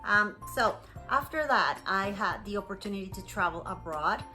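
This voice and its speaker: A Costa Rican woman, a native Spanish speaker with a Costa Rican accent, works as an English teacher and tells learners a personal story, phrasing things clearly and encouragingly. Her mid-range voice is pushed and bright, with lively intonation at normal speed, and soft music plays in the background.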